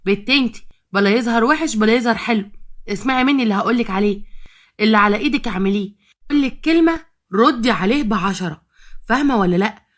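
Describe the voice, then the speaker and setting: Woman narrator doing a pushy Egyptian mom, rapid and blunt. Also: on the high side, natural voice. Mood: scolding. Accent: Egyptian Arabic. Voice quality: bossy, blunt. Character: sharp-tongued Egyptian mother egging her daughter on.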